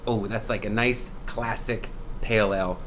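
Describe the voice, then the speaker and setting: A young man hosts a casual promotional brewery vlog, chatting upbeat about specials and beer styles with playful sound effects. His voice is fairly low, steady, and a bit bright, at a moderate pace, with slight background noise.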